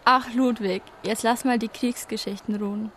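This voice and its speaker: A proud statue goddess, played by a woman, slightly high in pitch. She explains and corrects matter-of-factly in an audio play, over faint background noise. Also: fairly even intonation, moderate pace, a bit bright, close to an everyday voice. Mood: chiding. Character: proud, matter-of-fact marble victory goddess statue, female. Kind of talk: educational audio drama.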